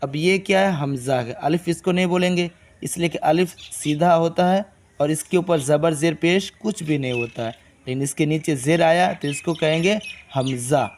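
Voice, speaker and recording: A man teaching Arabic letter reading step by step. He explains each rule and then drawls the syllables slowly so learners can copy him. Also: a little high. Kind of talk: step-by-step recitation lesson.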